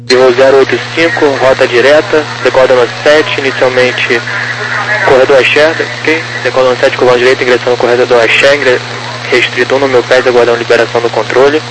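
A Brazilian man working as a tower controller, reading out procedural clearances over an aviation radio. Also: medium pitch, little pitch movement, fairly quick, noisy background. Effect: aviation radio transmission. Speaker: airport tower and ground controller.

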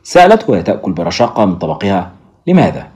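Fast low-voiced male storyteller. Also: lively intonation, darkish tone. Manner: storyteller addressing listeners. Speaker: narrator. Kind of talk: scripted audiobook narration.

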